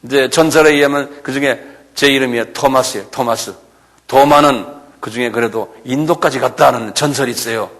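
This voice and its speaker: A male pastor preaching a sermon in a church, animated and full of rhetorical questions. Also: medium pitch, normal speed. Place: church sanctuary.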